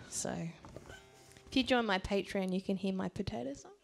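A woman's voice: mid-range voice, measured pace, creaky, faint music behind. A woman in her thirties with an Australian accent, chatting casually and self-deprecatingly between songs on a small barn stage, into a stand mic. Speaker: singer-songwriter. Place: small rustic barn venue with a live audience. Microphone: vocal mic on a stand.

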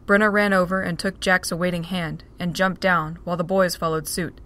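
A woman narrating an amateur audio drama with an even, steady reading. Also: lowish voice, brisk.

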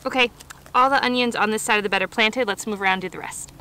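This is a fast-talking woman in her thirties with a medium-pitched voice, casually walking viewers through her work on an outdoor gardening vlog. Music plays in the background, and outdoor noise comes through clearly.

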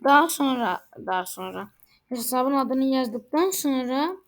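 A woman hosting a game channel, giving casual gameplay commentary with excitable, exclaiming reactions. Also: sits high, a little slow.

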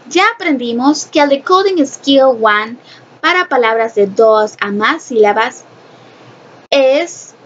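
A woman teaching an English phonics lesson, explaining step by step, repeating herself and asking rhetorical questions, switching between Spanish and English. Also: high voice. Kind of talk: recorded classroom lesson. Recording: dull lo-fi sound with faint noise.

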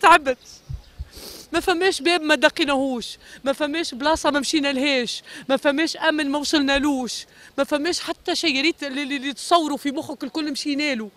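Tunisian woman talking fast in a street interview, very high voice, keeps repeating herself, begging for help. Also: fairly bright tone, dry recording. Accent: Tunisian Arabic. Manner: pleading, repeats phrases over and over. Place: street outdoors.

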